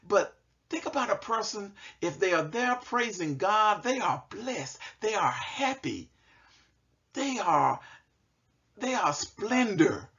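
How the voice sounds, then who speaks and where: A man teaching a Sunday School lesson, reading scripture slowly and explaining it verse by verse with frequent restarts. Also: high voice, big pitch swings, a bit bright, highs cut off.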